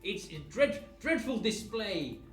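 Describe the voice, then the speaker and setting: A man's voice: high-pitched, sing-song, a little slow. A man voicing an indignant, officious inspector of forts in a pompous, declaiming way for a tabletop game. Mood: haughty indignation. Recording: echoey room with faint music.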